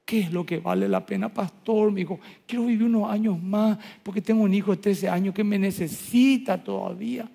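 A man preaching as a pastor, swinging between loud bursts and soft, hushed lines. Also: sits high, fairly quick, vocal fry, hardly any pauses, husky. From Paraguay. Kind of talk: sermon. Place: church auditorium. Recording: large hall with long reverb.

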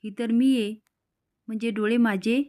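A woman's voice: on the high side, fairly even intonation, moderate pace, dark tone, close to an everyday voice. A woman voicing an earnest, wistful young woman who talks to herself in a wondering way.

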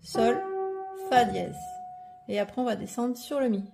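A woman giving a patient step-by-step piano lesson, naming each note as she plays, with loud piano under her voice. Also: on the high side, measured pace, vocal fry. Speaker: piano teacher. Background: piano playing.

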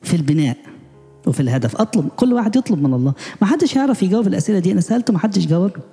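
A man with an Egyptian accent giving a spiritual sermon, asking rapid, pleading questions. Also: high voice, lively intonation, gravelly, dark tone, in a large hall, soft background music. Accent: Egyptian Arabic. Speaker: preacher.

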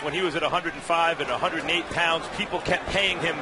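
A man giving analytical boxing commentary in deliberate, eloquent phrases. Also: on the high side, fairly even intonation. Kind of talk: analytical live sports commentary. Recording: broadcast over loud arena crowd noise.

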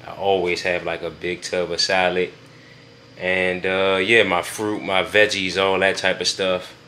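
A man's voice: low voice, level tone, unhurried, bright, forceful tone, a little hiss or hum. A young man vlogging casually from his home kitchen, talking straight to his viewers in a laid-back way. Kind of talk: casual vlog talk to camera.

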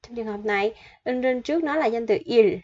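A woman's voice: on the high side, quick pace, darkish tone. A Vietnamese-speaking woman teaching Korean vocabulary and grammar, patiently repeating each word and asking her viewers questions. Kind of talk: explaining vocabulary and grammar to learners. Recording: dull lo-fi sound.

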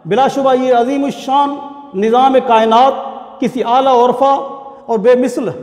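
A man, a college teacher giving a classroom lecture in a steady explanatory way. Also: very high-pitched, unhurried. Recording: echoey hall with long reverb.

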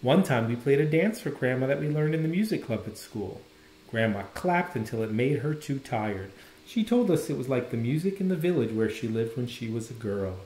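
A man reads a children's picture book aloud, his pitch rising and falling in a lively storyteller's way. The recording has a noticeable roomy echo, as if made in a bare room. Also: normal speed, slight background noise. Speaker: storybook reader.

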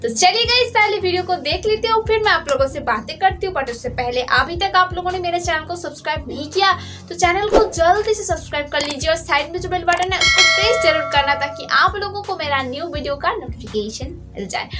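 A woman's voice: extremely high pitch, expressive, a little fast, over loud music. A woman hosting a reaction channel, chatting casually and mixing in English phrases as she opens her video. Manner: chatty, mixing English into her talk, sing-song greeting.

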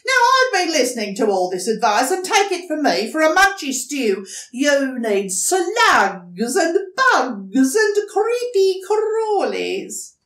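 A woman's voice: high-pitched, sing-song, slow, few pauses, fairly bright tone, reverberant, voice pushed up, exaggerated voice. A woman voicing a bossy male echidna in a storybook, indignant and emphatic. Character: bristling, bossy male echidna giving advice.

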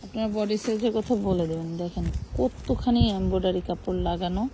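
A woman's voice: mid-range voice, a little fast, noisy background. A woman with a Bangladeshi Bengali accent, co-hosting a live clothing sale and admiring the dresses aloud. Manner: admiring exclamations over the dresses. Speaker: online clothing seller. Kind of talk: live sales pitch.

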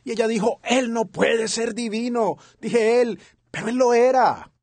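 A man's voice: extremely high pitch, measured pace, darkish tone, dry recording. A man dubbing a sermon as an interpreter, earnest and following the preacher's rhythm, on a close studio mic. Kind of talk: dubbed sermon translation.

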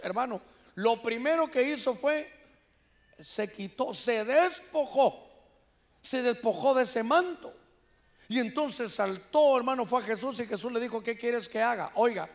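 High-voiced Honduran pastor preaching. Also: male voice. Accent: Honduran Spanish. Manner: animated preaching, often addressing listeners as "hermano"; shouts when voicing quoted cries. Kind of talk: sermon. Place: church sanctuary.

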